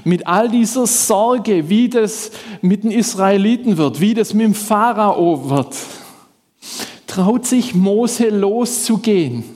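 A man's voice: sits high, a little mellow. A man preaching a sermon in a conversational way, speaking directly to his congregation. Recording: long hall reverb.

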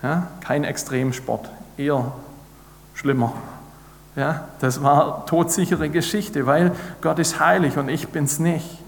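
A man's voice: on the high side, fairly even intonation, slow pace, vocal fry, slight background noise. A man preaching a sermon, earnest and building to emphatic repeated declarations. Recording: echoey hall with long reverb.

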